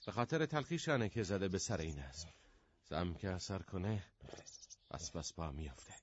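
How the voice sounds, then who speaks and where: An actor playing a young man who coaxes and commands while calming a frantic poisoned horse, in a drama. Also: sits low. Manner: urgent, coaxing and commanding. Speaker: tractor driver in a radio drama. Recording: dull lo-fi audio with loud noise.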